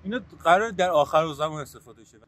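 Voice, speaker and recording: A young man with a fairly high, expressive and somewhat bright voice vlogs an unboxing of a walkie-talkie with a friend. He's playful and jokey in casual chat, talking over his friend.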